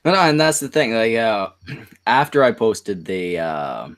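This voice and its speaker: A man's voice: on the low side, big pitch swings, measured pace, a bit bright. Crude rambling male stream host. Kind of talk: casual profane chat.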